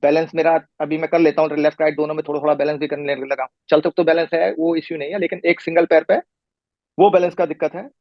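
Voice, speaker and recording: A middle-aged man in a patient's chair who talks quickly in a rather high voice and rambles through detail, restarting often. The recording is dull and lo-fi, with a dry, close sound. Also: steady tone, dry recording. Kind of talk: casual conversation. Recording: muffled lo-fi recording.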